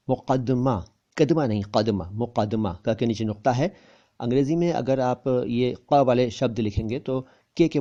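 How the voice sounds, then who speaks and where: A man giving a pronunciation lesson, saying each word slowly and repeating it to contrast the right and wrong sounds. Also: medium pitch, dark tone, muffled recording. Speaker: language teacher.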